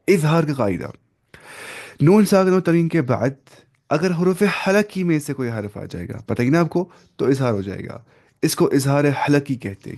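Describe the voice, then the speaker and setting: A man teaching the rules of Quran recitation, talking casually to his students and often slipping English terms into his explanations. He stops now and then to model example words slowly and carefully. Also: mid-range voice, darkish tone. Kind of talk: casual tajweed lesson.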